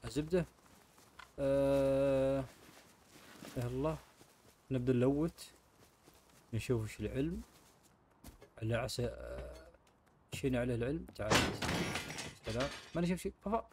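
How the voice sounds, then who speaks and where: A man's voice: medium pitch, normal speed, pauses often, warm tone, slight background noise. Chatty man playing a game. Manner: chatty, talks to viewers while playing. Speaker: gaming channel host. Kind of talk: casual game commentary.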